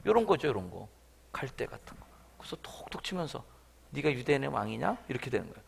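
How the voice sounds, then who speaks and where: A man's voice: mid-range voice, big pitch swings, fast, gravelly, darkish tone, a little hiss or hum. A male pastor preaching at a revival meeting. He uses colloquial asides and acts out scenes as he goes. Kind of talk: revival sermon.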